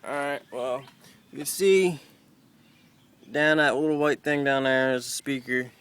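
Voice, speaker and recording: This is an amateur vlogger's casual car radio install walkthrough, shot on a handheld camera in and around the car, with loose talk and mild swearing. His mid-range voice is steady, a little slow, slightly bright, and clear and resonant.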